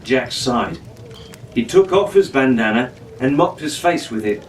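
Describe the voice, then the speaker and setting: A man narrates a children's pirate novel as a storybook reader, giving scripted, dramatic, in-character narration with theatrical flair. His medium-pitched voice is expressive and measured in pace, recorded through a distant mic in a roomy space with faint noise.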